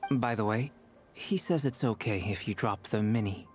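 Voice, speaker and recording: A man voicing a calm, scholarly young alchemist in a video game, measured, precise and courteous. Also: on the low side, soft background music, close to an everyday voice. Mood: calm, curious.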